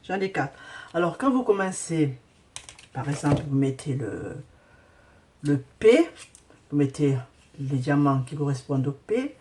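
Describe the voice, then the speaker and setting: A woman's voice: low-pitched, lively intonation, measured pace, long pauses, warm tone. A woman hosting a casual craft tutorial who hesitates often with fillers while she sorts beads and talks to viewers.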